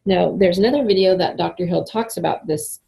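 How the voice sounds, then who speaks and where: A woman's voice: fairly low pitch, brisk, creaky, mellow, a little hiss or hum, low-quality recording. A middle-aged woman giving a chatty, enthusiastic online class to listeners, with frequent fillers and little laughs. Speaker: essential oils presenter. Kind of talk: casual online class talk.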